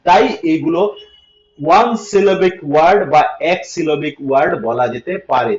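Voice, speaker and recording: Guy teaching english on a livestream, high voice, keeps asking if it's clear, dull muffled sound. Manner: repeats points, checks understanding with questions. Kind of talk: livestream lesson. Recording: echoey room, dull lo-fi sound.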